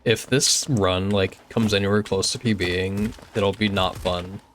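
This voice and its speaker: A young streamer with a low, slightly bright voice and fairly even intonation talks at a measured pace over a faint hiss or hum. He casually narrates his gameplay and reads chat, easygoing and talkative, with plenty of filler "like"s.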